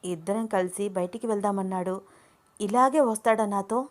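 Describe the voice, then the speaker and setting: A woman voicing an excited, stylish young woman who talks to herself while waiting on a man. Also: medium pitch, moderate pace, lightly acted. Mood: eager.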